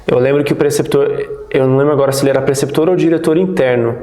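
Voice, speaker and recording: A man in his thirties, born in the United States, recalling his childhood as a guest in a relaxed, rambling interview. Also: mid-range voice, racing. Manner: relaxed, rambling, many restarts. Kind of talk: casual interview storytelling. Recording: roomy echo.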